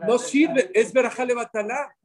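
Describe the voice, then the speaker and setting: High-voiced man teaching a religious class. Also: fairly even intonation, moderate pace, a crowd in the background. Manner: explanatory, asks the group questions and answers himself. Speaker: rabbi teaching a Torah class. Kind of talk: religious class talk to a small group.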